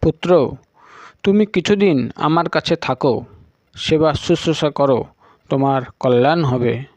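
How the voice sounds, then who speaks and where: A man's voice: on the high side, unhurried, darkish tone, no echo, natural voice. A man voicing a stern old male teacher who is strict but caring, speaking in a firm, commanding way. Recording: dull lo-fi recording.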